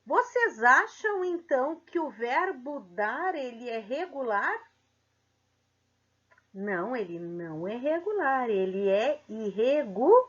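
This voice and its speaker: A woman's voice: on the high side, sing-song, fairly bright tone. A woman teacher, giving a grammar lesson and asking the class questions. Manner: slow, explanatory, asks the class questions. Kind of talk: grammar lesson for middle school. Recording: dull lo-fi sound.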